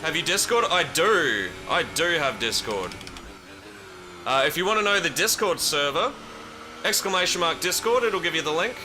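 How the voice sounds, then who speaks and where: Pitched on the high side and very animated, a young Australian man keeps a moderate pace as he races in a game on stream. He chats loosely, rambles, swears casually and responds to his chat. Behind him you hear the racing game's engine noise.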